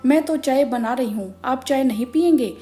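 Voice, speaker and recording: Brief: a woman reading a rushed young housewife in a storybook, mellow voice, slightly high. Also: faint music behind, natural voice. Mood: harried. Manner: hurried, tired, apologetic. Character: busy harried young mother and wife.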